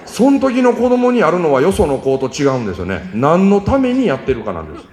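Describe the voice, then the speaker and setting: A man's voice: on the high side, a little fast. A man with a Kansai accent telling a story about raising his children, acting out the lines of his family. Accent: Kansai Japanese. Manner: animated, acts out family dialogue. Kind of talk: storytelling talk. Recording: echoey hall with long reverb.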